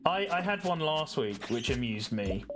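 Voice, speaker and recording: A man's voice: mid-range voice, sing-song, moderate pace, noisy background. A man chatting casually while playing a co-op game, with dry sarcastic jokes. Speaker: gaming video host. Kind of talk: casual co-op gameplay chat. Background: game music.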